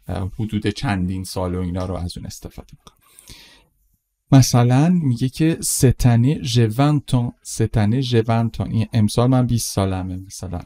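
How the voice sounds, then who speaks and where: A middle-aged male teacher with a lowish, mellow voice, giving a vocabulary lesson. He drags each word out slowly and repeats it, then moves on briskly to its meaning and an example. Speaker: French teacher.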